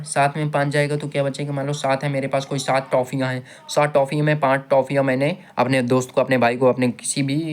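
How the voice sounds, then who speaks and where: A man teaching a maths lesson step by step, patiently repeating each step and asking his students questions. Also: medium pitch. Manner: patient, repeats steps and asks the class questions.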